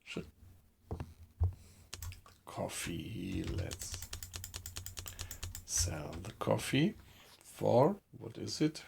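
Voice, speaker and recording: Slow, low-voiced man streaming. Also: very animated, creaky. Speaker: game streamer. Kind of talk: casual live-stream chat while playing. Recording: background noise with keyboard typing.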